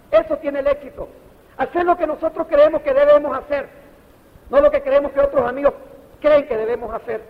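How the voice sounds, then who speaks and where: High-voiced man preaching success. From Panama. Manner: preachy, addresses the audience directly with rhetorical questions. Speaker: motivational speaker. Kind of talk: motivational speech to an audience. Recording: dull, echoey hall recording.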